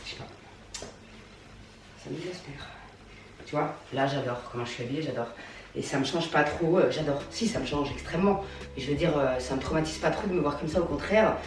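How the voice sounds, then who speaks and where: Gushing slangy young woman in echoey room. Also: low voice. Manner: gushing and slangy, quick swings into mock outrage. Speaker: fashion vlogger. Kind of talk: casual clothing haul chat. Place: at home, trying on clothes. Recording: echoey room, mic at a distance, faint music.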